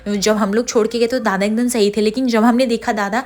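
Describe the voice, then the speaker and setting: A woman's voice: a little high, steady tone, a little fast, darkish tone. Woman casually recapping a TV serial. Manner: informal, repetitive linking phrases, hesitant fillers. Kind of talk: casual spoken story recap.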